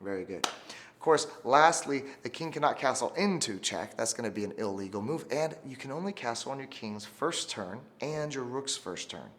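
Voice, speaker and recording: A man's voice: mid-range voice, lively intonation, moderate pace, fairly bright tone. A man teaching chess through a story, with call-and-response cues for kids. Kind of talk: instructional video for teachers.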